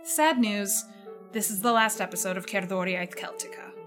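A woman's voice: mid-range voice, moderate pace, over music. Woman, radio host, chatty, patient explainer, laughs easily, home studio. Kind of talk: casual chat. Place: living room home studio.

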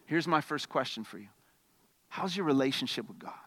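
A man preaching a sermon as pastor, conversational, stumbling over repeated words, swinging between loud emphatic bursts and quiet questions. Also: mid-range voice, expressive, fairly quick, no echo.

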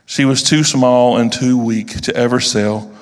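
A man reading a storybook aloud, slow and with deliberate pauses. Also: medium pitch, fairly even intonation. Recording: long reverb of a large hall.

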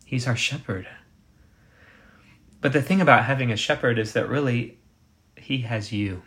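Male preacher, mid-pitched, deliberate and emphatic sermon delivery. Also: fairly bright tone. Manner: measured, emphatic, slows on quoted scripture. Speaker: pastor.

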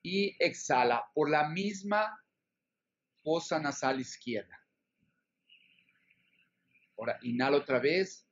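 A man with a slightly high voice leads a guided breathing exercise. He counts breaths slowly, giving short instructions and repeating them. The recording is a little dull and lo-fi. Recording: dull, lo-fi sound.

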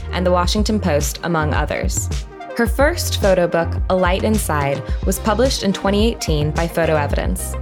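A woman podcast host introducing her guest and asking questions in a conversational way, hedging with fillers. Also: lowish voice.

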